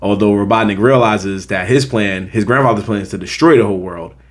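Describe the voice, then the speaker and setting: A lowish voice, a little fast, belongs to an American man hosting a film review show. Casual and emphatic, he repeats his points to drive them home in an opinionated movie review to camera.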